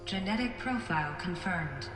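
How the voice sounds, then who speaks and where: Malfunctioning game door AI, glitching machine voice, flat and clipped, echoey space over loud game music. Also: female voice, fairly low pitch, moderate pace. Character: malfunctioning female computer door system. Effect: glitching machine voice repeating errors. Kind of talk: video game dialogue.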